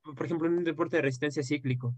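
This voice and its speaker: A man's voice: a little high, steady tone, rapid-fire, darkish tone, no room sound. A man, a seminar attendee, asking the instructor a question in a polite, tentative way.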